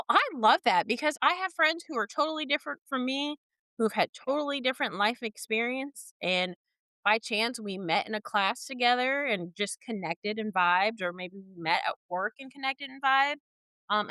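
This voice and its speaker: Lively, bright young woman podcast co-host. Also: fairly high pitch, normal speed, no echo. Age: young adult. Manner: enthusiastic, agrees eagerly, animated. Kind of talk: casual chat.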